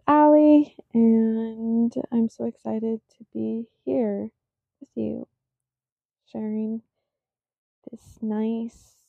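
A woman's voice: fairly high pitch, vocal fry, no room sound. A woman in her twenties hosting her own podcast in a casual, rambling, self-conscious way, sleepy and yawning as she talks. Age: 20s. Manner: slow, rambling and self-conscious, with frequent fillers. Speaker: podcast host. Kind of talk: casual solo podcast chat. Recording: dry, tinny phone-like sound.

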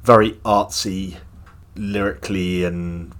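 A man with a deep, low voice talks music on a podcast in a loose, chatty way. He is enthusiastic and opinionated, and his thoughts tumble out as he goes. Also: steady tone, slow pace, a bit bright. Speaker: podcast co-host. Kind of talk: casual music chat.

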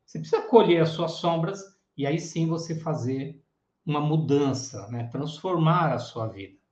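A man, a psychoanalysis teacher giving a casual teaching talk, animated and acting out the voices of clients and therapists. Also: on the high side, moderate pace. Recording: echoey room, dull lo-fi sound.

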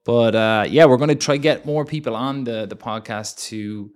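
A man in his young adult years talks local politics on a podcast, his voice sitting at an ordinary mid pitch. He rambles along loosely, full of "you know" and "um". His sentences circle back on themselves as he restarts them. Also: moderate pace. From Ireland. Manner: rambling, many fillers and restarts. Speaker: podcast co-host. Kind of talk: casual political chat.

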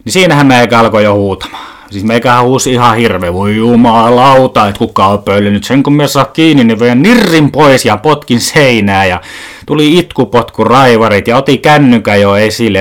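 A young man hosting a solo podcast, rambling through jokey, self-mocking stories and swearing casually. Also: medium pitch. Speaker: podcast host.

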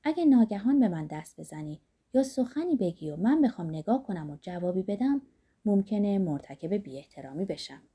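A woman reading the lines of a blunt, earthy old miner who talks with impatience, pitched a little lower than her narration. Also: big pitch swings, warm tone, husky. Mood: explaining. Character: blunt hardworking older Greek miner, gruff.

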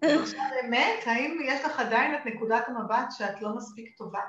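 A woman's voice: on the high side, fairly bright tone, slight background noise. Israeli-accented woman coaching, echoey dull sound. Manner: emphatic, frequent checking questions. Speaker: coach and course teacher leading a live session. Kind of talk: live coaching talk, questioning and addressing listeners.

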